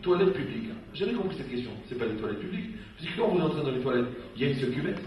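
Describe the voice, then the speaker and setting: A man's voice: medium pitch, rapid-fire. A rabbi giving a humorous talk to a dinner audience, telling stories and acting out the people he quotes. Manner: lively storyteller, acts out quoted people. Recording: echoey hall, distant mic, faint noise.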